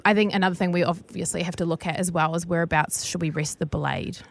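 Woman posing as polite, lowish-voiced New Zealand official. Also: fairly even intonation, fast talker, creaky. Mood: politely businesslike. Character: polite, earnest female official from Governor General's office. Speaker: radio prank caller. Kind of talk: semi-formal phone interview.

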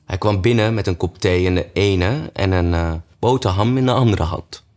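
A man reading a children's story aloud at an easy pace. His voice is low and deep, with small hesitations here and there. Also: moderate pace. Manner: relaxed with frequent hesitations.

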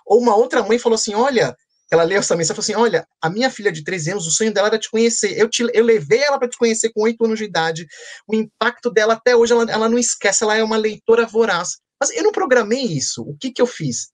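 A man, a children's book author, telling playful stories in an animated way during a conversation. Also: high-pitched, quick pace. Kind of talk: storytelling in a conversation.

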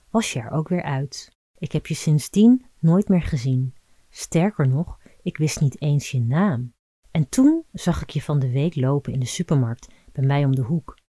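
A woman reading a story aloud as a podcast narrator, calm, even and intimate. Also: deep voice, no echo.

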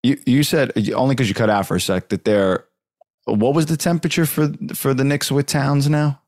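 A man's voice: mid-range voice, fairly even intonation, moderate pace, darkish tone, no room sound, clean studio sound. A man hosting a casual sports talk show, rambling loosely with lots of fillers and restarts.

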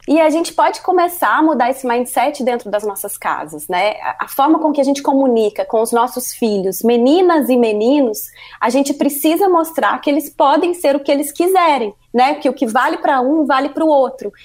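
A woman's voice: high voice, lively intonation, normal speed, few pauses. A woman with a Brazilian Portuguese accent, answering as a guest in an interview. She explains earnestly and often adds a questioning tag. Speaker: guest, workplace parenthood consultant.

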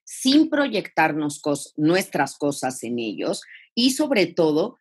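A woman thanatologist with a Mexican accent giving advice in a podcast interview, expressive and full of rhetorical questions. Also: low-pitched, takes it slowly, husky. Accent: Mexican Spanish. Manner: expressive, acts out quoted phrases, rhetorical questions. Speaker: thanatologist guest.

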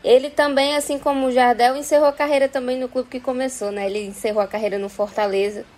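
A woman's voice: sits high, fairly even intonation, quick pace, a little mellow. A woman co-hosting a sports talk show, chatting as she recalls events.

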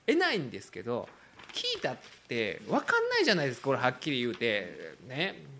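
Lively Kansai man telling a story. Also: medium pitch, brisk, slight background noise. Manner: animated storytelling, laughing often, quoting others. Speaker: podcast host. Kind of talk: casual radio-style podcast talk.

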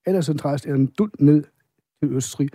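A man from Germany with a German accent, speaking as an interview guest and visual artist, pausing often with fillers. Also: a little high, mellow, no room sound, clean studio sound. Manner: hesitant, many fillers. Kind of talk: casual interview chat.

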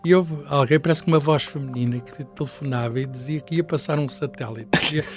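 An older man with a European Portuguese accent explains science in a relaxed chat, pausing and restarting often. His pitch sits mid-range, and faint music plays underneath. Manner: hesitant, many restarts and fillers, chuckles often. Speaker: science professor guest.

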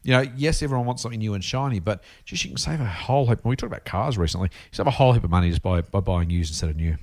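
Male Australian podcast host, blokey and chatty, rapid pace with very varied intonation. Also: on the low side, expressive, darkish tone. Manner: jokey, blokey, addresses co-host as mate. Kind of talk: chatty, informal personal finance podcast talk.

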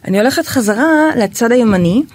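A woman hosting a podcast, guiding her guest through a word-association exercise in a brisk, directive, encouraging way. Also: a little high, a little mellow, dry recording.

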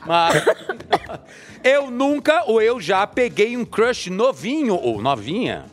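Lively, high Brazilian man hosting a game. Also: slow pace, faint music behind. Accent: Brazilian Portuguese. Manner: playful, laughing game host. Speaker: host. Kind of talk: casual chat.

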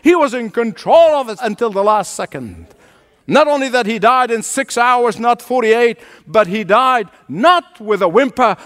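A man's voice: sits high, fairly bright tone, in a large hall. A man preaching a sermon as pastor, emphatic and driving home points through repetition. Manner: emphatic preaching with repeated phrases.

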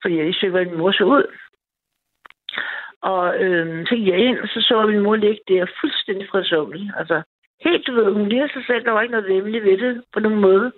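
A woman calling in to a night radio show, telling a personal story in a rambling, eager way with many restarts. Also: mid-range voice. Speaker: caller. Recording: tinny phone line.

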